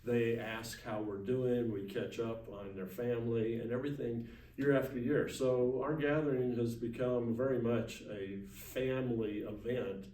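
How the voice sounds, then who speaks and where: A man speaking casually as an organizer being interviewed, halting and repeating words as he goes. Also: medium pitch, fairly even intonation, mellow. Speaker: gathering organizer, interview guest. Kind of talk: casual informal interview talk. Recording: roomy, distant mic, faint noise.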